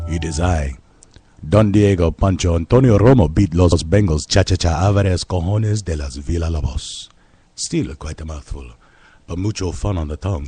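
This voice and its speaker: A man's voice: low voice, mellow, husky, no room sound, exaggerated voice. A man playing a suave, pompous Latin male talk show host with a put-on Spanish accent in a comedy radio sketch. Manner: pompous, slow and self-assured.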